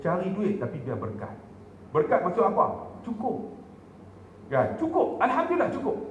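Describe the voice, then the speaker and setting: A man's voice: on the high side, a little hiss or hum. A middle-aged man with a Malaysian Malay accent, telling jokey stories to a mosque audience in a forum talk. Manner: jokey, addresses the audience directly, animated storytelling. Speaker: religious speaker at a forum. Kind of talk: humorous storytelling talk. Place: mosque hall. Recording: echoey mosque hall with faint ambience.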